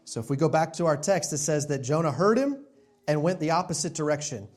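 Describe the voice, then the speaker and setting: A man's voice: on the high side, expressive, brisk, darkish tone. A male pastor preaching a sermon in a church sanctuary in a conversational way, asking his congregation rhetorical questions.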